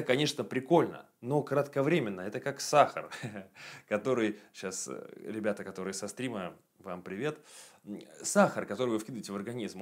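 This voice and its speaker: A man in his late twenties giving a casual self-improvement monologue for his video channel, blunt and profane, with frequent fillers. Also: medium pitch. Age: 20s. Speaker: video blogger.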